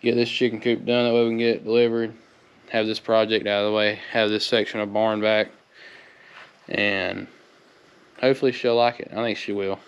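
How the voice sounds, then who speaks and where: A man's voice: lowish voice, little pitch movement, moderate pace, long pauses, clean tone, lo-fi sound. A man with a Southern US accent who sounds a little sick, talking folksy and plain-spoken in a casual DIY vlog. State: under the weather, sounds sick. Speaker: DIY vlogger.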